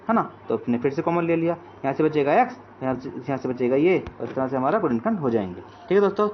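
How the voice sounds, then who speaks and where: A man teaching math, explaining each step and checking in with his students. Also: high-pitched. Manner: repeats check-in phrases like "okay friends". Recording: dull lo-fi audio with faint hiss.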